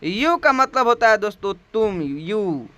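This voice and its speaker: High, bright-voiced man teaching English. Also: normal speed, clear, resonant tone. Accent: Hindi. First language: Hindi. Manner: spells words out and repeats, often asks the viewers questions. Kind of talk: spoken language lesson.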